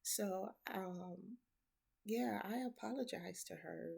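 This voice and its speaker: A woman's voice: medium pitch, slow, creaky, a little mellow, husky. A middle-aged grandmother speaking in a casual, heartfelt monologue, earnest and reflective, repeating points for emphasis.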